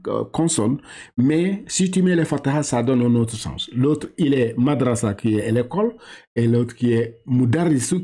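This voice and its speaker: A man's voice: mid-range voice, mellow, slightly rough. A Senegalese man with a Senegalese French accent, patiently teaching a Quran reading lesson and drawing out syllables, repeating and correcting as he goes. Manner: patient, slow drawn-out syllables, repeats and corrects, halting restarts.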